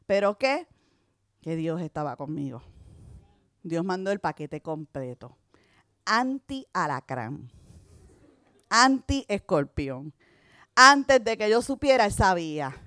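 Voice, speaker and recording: A middle-aged woman, preaching a sermon and telling her testimony in an animated way, acting out the voices in her story. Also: fairly low pitch, a little slow, clear, resonant tone, no room sound, clean studio sound.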